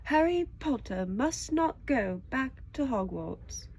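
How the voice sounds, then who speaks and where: A woman's voice: high-pitched, expressive, slow pace, darkish tone, slightly rough, pitched above the performer's own voice, full character voice. A woman voicing an anxious, devoted little male house elf servant from a storybook, pleading and reverent. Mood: tearful, earnest. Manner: reverent, pleading, refers to himself in third person. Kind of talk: storybook character voice.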